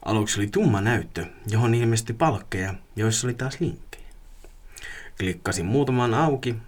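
A man co-hosting a casual podcast reads out a listener's story. He keeps breaking into laughter, and his pitch jumps around a lot. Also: lively intonation. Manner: giggly, breaks into laughter while reading. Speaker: podcast co-host.

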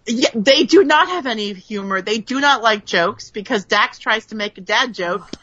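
A woman's voice: fairly high pitch, moderate pace. A woman hosting a podcast, recapping an episode in a casual chat and laughing often as she tells it. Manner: laughs often, animated storytelling. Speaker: podcast host. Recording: slightly muffled dry recording.

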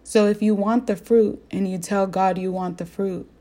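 Speaking in a steady, dark, mid-range voice at a moderate pace, a young Southwestern American woman shares a story earnestly on her faith-based podcast. As host of this reflective talk, she asks her listeners questions directly.

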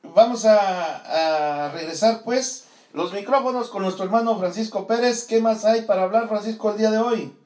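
A man's voice: high voice, normal speed, few pauses, a little mellow. Man, morning show host, rambling with fillers, echoey room. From Tierra Caliente, Michoacán, Mexico. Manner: rambling, many fillers and laughs. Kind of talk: casual morning show chat.

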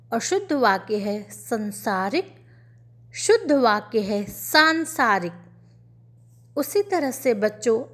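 A woman teaching a spelling lesson to children, drilling each word in a slow, careful, repetitive way. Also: medium pitch, fairly bright tone, husky.

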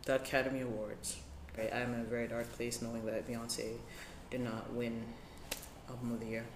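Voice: medium pitch, level tone, brisk, background noise. A vlogger from Ethiopia giving candid, opinionated advice, with joking asides. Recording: roomy sound with background music.

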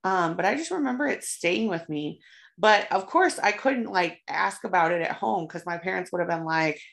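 A woman's voice: lowish voice, expressive, normal speed, vocal fry. A young woman co-hosting a casual horror podcast, chatty and profane, with lots of fillers. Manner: chatty, swears freely, many fillers. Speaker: podcast co-host.

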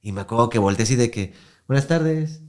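A young Mexican man hosts a podcast, racing through a story in slangy, casual chat and acting out the voices of the people he quotes. His pitch is fairly low and his tone stays level.

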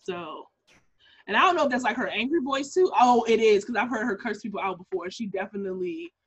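A young woman co-hosting a podcast in casual chat, animated and laughing, often jumping into high-pitched impressions. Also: brisk, slightly rough. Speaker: podcast co-host. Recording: muffled lo-fi audio.

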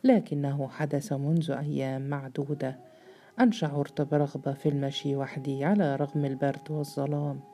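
A grown man tells of a strange meeting in the dark, earnest and measured, read by a woman. The voice sits low and sounds deeply mellow and warm. It is told in a storybook reading. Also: little pitch movement. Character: grown man recounting a strange night encounter.

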